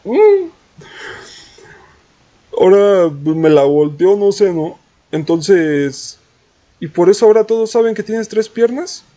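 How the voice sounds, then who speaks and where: A young man with a Mexican accent telling a story in a slangy, animated, mocking way. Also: high-pitched, a little slow. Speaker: streamer and vlogger. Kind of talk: casual storytime.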